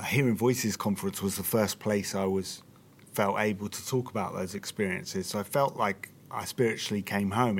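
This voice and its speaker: A man's voice: low-pitched, slight background noise. A man who works as a clinical psychologist, talking thoughtfully and candidly in an interview. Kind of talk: interview, casual reflective talk.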